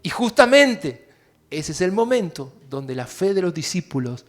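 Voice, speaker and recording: A man preaching a sermon in an Argentine Spanish accent, addressing the congregation directly and moving between hushed and loud, impassioned passages. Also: high-pitched, big pitch swings, a little slow. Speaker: pastor.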